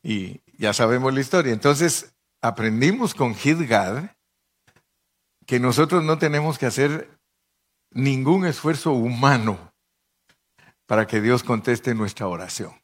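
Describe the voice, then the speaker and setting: Animated middle-aged preacher man. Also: a little slow, long pauses. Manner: animated, acts out quoted voices with sudden pitch jumps; addresses listeners as brother, conversational. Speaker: pastor. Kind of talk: storytelling sermon.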